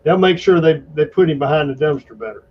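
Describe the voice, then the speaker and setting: A man with a somewhat high voice talks bluntly, swearing freely in a casual podcast chat. The recording is dull and lo-fi, with a faint hiss behind him. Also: lively intonation, quick pace. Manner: blunt, profane, emphatic.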